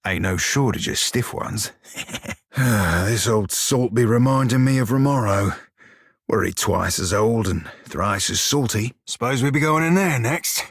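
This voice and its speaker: Serafen, husky salty pirate. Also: male voice, mid-range voice, expressive, a little slow, no room sound. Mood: wry, casual. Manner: colloquial sailor's dialect, dry and swearing. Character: salty, foul-mouthed blue furred pirate shiphunter, wry male. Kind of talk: video game character dialogue.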